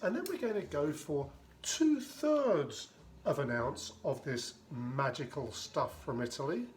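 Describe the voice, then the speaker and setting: A home bartender mixes and shakes a cocktail while casually explaining how he makes it, drifting into rambling asides and dry humor. His voice is a little high and animated, his pace a little slow, with slight background noise.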